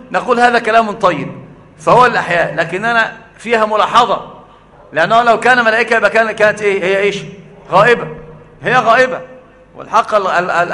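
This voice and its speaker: A man's voice: sits high, bright, forceful tone, in a large hall. A man with an Egyptian accent explaining a book of religious creed, posing rhetorical questions and repeating his key phrases. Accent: Egyptian Arabic. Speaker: religious lecturer.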